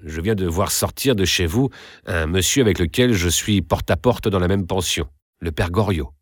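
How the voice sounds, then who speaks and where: A man's voice: deep voice, normal speed, dry recording, clean studio sound. A man reading aloud and voicing an earnest, somewhat awkward young provincial student in a near-natural voice. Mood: hesitant.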